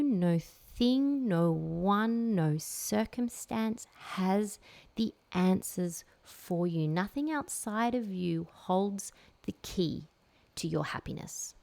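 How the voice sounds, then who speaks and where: A woman hosting a reflective solo podcast, speaking slowly and emphatically and repeating key phrases. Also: mid-range voice, lively intonation, gravelly, darkish tone. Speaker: podcast host.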